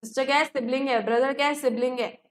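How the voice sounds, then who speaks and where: A woman's voice: high voice, steady tone, fast talker, reverberant. A woman with an Indian accent teaching a live online English class, chatty and encouraging, calling students beta. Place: home.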